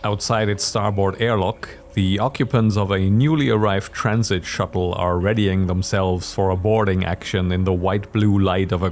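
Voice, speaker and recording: Low-voiced man narrating a tabletop story. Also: darkish tone, slight background noise. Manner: measured, descriptive storytelling. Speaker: host and narrator. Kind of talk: scripted narration of a solo tabletop game.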